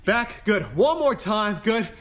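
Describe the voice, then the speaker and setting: A man's voice: high-pitched, sing-song, slow, fairly bright tone. A man in his thirties leading a workout as an aerobics instructor, calling out moves and counts in clipped, encouraging commands with lots of energy. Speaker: fitness instructor leading an online workout class. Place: large empty indoor gym studio. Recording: echoey large empty room.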